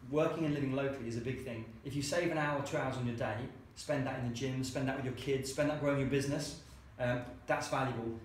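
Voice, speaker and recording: Here a man who founded a co-working space tells anecdotes in a chatty interview, acting out the lines of people he quotes. He has a medium pitch and a steady tone, and he speaks fast with few pauses. The room is very echoey, and faint hiss is audible.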